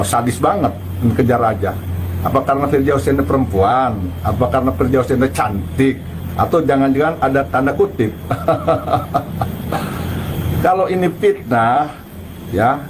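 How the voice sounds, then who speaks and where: A male host delivers online commentary at a medium pitch, needling and mocking his subject, slipping in soft laughs. A faint hiss of noise sits under his voice. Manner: taunting, questioning, with soft laughs.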